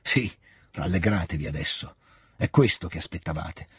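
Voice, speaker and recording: A furious, proud elder princess who lashes out with sharp, shouted words, as a male narrator puts her on. The voice is low and husky. It sounds dry and close in a storybook reading. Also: normal speed, no room sound, exaggerated voice. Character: angry proud elder princess, middle-aged woman.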